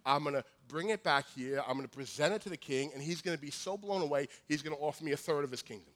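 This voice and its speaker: A man's voice: a little high, quick pace, a bit bright, voice pushed down, close to an everyday voice. A man doing a greedy, pleading nobleman. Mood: scheming. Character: greedy, anxious male nobleman, scheming.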